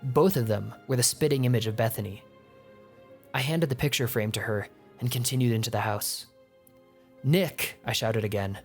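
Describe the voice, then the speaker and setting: Man narrating a horror story. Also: medium pitch. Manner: tense, measured storytelling. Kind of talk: scripted first-person narration. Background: faint music.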